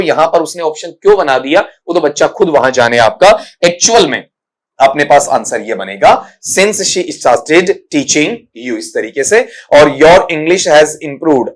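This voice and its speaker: A middle-aged man teaching an exam-prep English grammar lesson, patiently explaining, calling his students "beta" and slowly spelling out English words and sounds. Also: on the high side. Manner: mixes English grammar terms into his talk.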